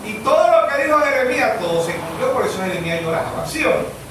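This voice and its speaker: A male pastor with a Zulian Venezuelan accent, preaching a sermon in which he swings from high shouted questions to low muttered asides. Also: very animated, quick pace, noisy background. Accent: Zulian Venezuelan Spanish. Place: church hall. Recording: echoey church hall, mic far off.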